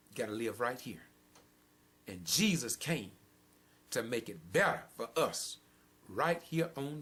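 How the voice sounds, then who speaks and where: Older host, preachy and emphatic, mid-range voice. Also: male voice, mid-range voice, a bit bright. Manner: preachy, emphatic, rising and falling intensity. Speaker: program host. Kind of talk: impassioned spoken commentary.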